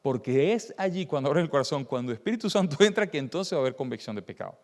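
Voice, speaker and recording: A man giving a workshop sermon and telling a story with animated delivery, his voice moving between loud cries and quiet, stressed words. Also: a little high, very fast. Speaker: preacher leading a church workshop. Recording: long hall reverb.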